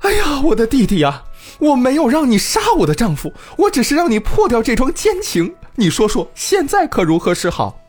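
A man voicing a distraught young wife who pleads with her brother, in a high, wailing voice, in a comic story retelling. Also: wildly swooping pitch, racing, a little mellow, husky, faint music behind, full character voice.

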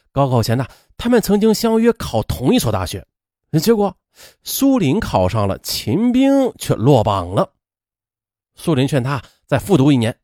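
Guy telling a story, folksy and animated, lots of up and down, dry close sound. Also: on the high side, no echo. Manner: lively, folksy, with drawn-out filler sounds. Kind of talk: storytelling narration.

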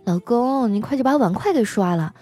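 A woman's voice: fairly high pitch, lively intonation, fairly quick, warm tone, soft background music. A woman voicing a bossy, sly young wife who gives her husband orders in a sweet, commanding way. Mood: teasing.

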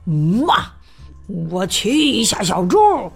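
Gravelly bragging wizard done by a female storyteller, high and bouncy, slow and drawn out, faint music behind. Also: sing-song, heavily acted. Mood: boastful. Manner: bragging, blustering shouts. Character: boastful show-off wizard.

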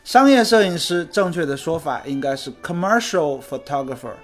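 A chatty man with a slightly high voice hosts a photography podcast as a relaxed spoken lesson. He teases his listeners and slows right down to drill each English word. Faint music plays underneath him. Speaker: podcast host and photography teacher.

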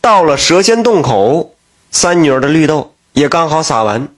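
A man narrating a folk tale in a lively, folksy manner. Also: on the high side, moderate pace. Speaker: storyteller.

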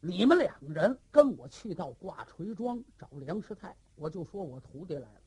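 A storyteller puts on a sheepish roadside bandit, rambling and self-pitying, always angling for a favor. The voice is raspy and lively, rising and falling in broad swings. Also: mid-range voice, moderate pace, pitched below the performer's own voice. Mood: scheming. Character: sheepish male bandit, boastful yet embarrassed. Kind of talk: traditional storytelling.

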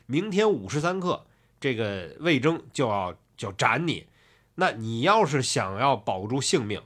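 Storyteller playing a cool sneering fortune teller, unhurried, lively pitch. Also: male voice. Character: calm, sneering old male fortune teller.

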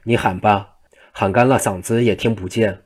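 A man's voice: fairly low pitch, fairly even intonation, normal speed, breathy edge. A man voicing a brash young male servant who talks in a curt, bossy way.

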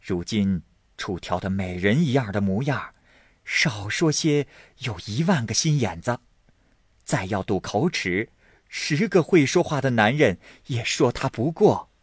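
A man doing a brisk, knowing housekeeper woman. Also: medium pitch, expressive, husky, no room sound, clean studio sound. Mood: gossipy. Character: shrewd, talkative middle-aged housekeeper woman. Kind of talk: storytelling.

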